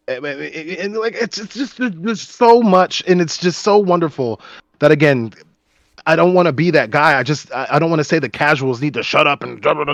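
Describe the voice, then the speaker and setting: A man co-hosting a podcast in casual chat, excitable and rambling with lots of restarts. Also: mid-range voice, no room sound, muffled recording. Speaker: podcast co-host.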